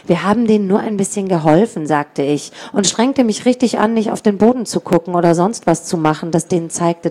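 A woman's voice: fairly low pitch, mellow. A woman reading a children's story aloud, giving the children and the gang members their own voices. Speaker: audiobook narrator.

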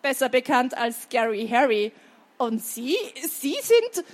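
A woman reading aloud, voicing a bumbling male grim reaper who talks loud and stammers when flustered. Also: high-pitched, lively intonation, normal speed. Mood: stammering.

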